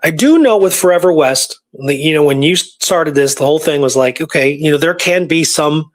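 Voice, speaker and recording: In a dry recording, a man with a voice on the high side talks at normal speed as co-host of an informal research talk show. A history researcher, he spins animated stories conversationally and keeps asking "right?" to check in with listeners.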